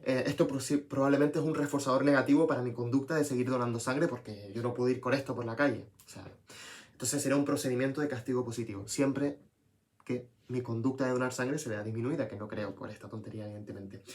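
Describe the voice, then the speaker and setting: A young man giving a casual psychology lesson, lively and checking in with the viewer often. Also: mid-range voice. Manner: lively, talks to viewer with frequent "¿bien?". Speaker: psychology teacher.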